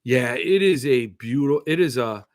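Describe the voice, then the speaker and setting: A man's voice: mid-range voice, animated, moderate pace. A man chatting casually about his interests as a show host, with a lisp that makes his s sounds slushy, thinking aloud hesitantly and drifting into asides. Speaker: host of a book-collecting show. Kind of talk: casual rambling chat.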